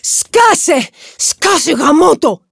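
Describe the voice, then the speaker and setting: A woman reading a novel aloud, voicing a hot-tempered young man who swears and shouts. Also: fairly low pitch, expressive, no echo, studio quality. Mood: furious. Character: angry young man, brother, quick-tempered.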